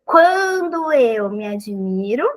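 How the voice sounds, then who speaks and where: A woman with a thin, high voice, talking casually and expressively as a podcast guest and acting out little quoted exchanges. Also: big pitch swings, slow, low-quality recording. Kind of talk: casual conversational advice.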